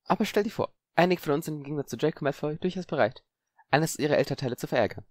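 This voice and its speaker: A man's voice: on the high side, expressive, racing, no room sound, pitched above the performer's own voice, natural voice. A smug young schoolboy who is sure of his own cleverness, as a man reads him in an audiobook. The voice is raised and the tone is superior. It sits dry and close. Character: smug, scheming young boy wizard. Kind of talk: audiobook character voice.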